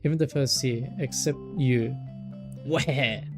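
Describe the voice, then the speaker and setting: A man voicing a strict, bossy young female student council president in a visual novel, speaking in a sharp, scolding, deliberate way. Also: mid-range voice, music in the background, close to an everyday voice. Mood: stern.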